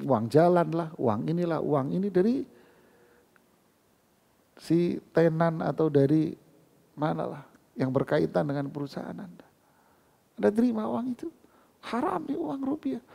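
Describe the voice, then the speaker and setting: A man's voice: a little high, vocal fry, darkish tone, slightly rough. A man giving a casual Quran lesson in a mosque, talking conversationally and acting out little dialogues with his listeners. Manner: conversational, acts out dialogues, laughs often.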